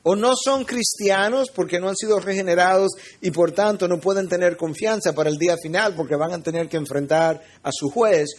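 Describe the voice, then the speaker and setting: A man's voice: high voice, brisk, hardly any pauses. A middle-aged man who is a pastor, preaching an earnest teaching sermon and speaking straight to his listeners.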